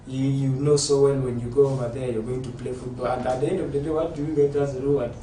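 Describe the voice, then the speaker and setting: A man from South Sudan, a footballer, answering interview questions in an earnest, steady way. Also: medium pitch, quick pace. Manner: earnest, steady, explaining at length. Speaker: footballer guest. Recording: echoey room, distant mic, ambient noise.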